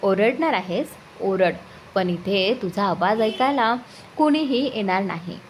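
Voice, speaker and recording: A woman voicing a mischievous young husband who sneaks up on his wife, speaking in a low, whispery tone. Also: expressive, unhurried, slight background noise, close to an everyday voice.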